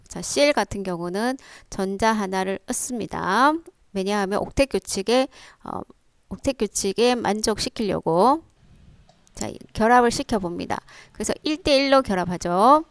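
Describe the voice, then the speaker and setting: Lady teacher walking thru a lesson step by step, asks questions as she goes, crisp voice, dry close recording. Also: mid-range voice, moderate pace, dry recording. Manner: step-by-step, frequent "자" prompts, rhetorical questions. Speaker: science teacher. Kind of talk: classroom lecture.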